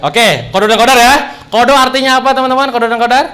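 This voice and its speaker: A young man, telling stories in an animated, jokey way as he speaks to an audience at a religious talk. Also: very high-pitched, quick pace. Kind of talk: humorous storytelling in a religious talk.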